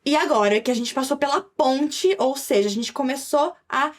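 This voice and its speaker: A young woman with a Brazilian Portuguese accent teaching an English lesson in a lively, chatty way, slowing down for English examples. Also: sits high. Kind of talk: online language lesson.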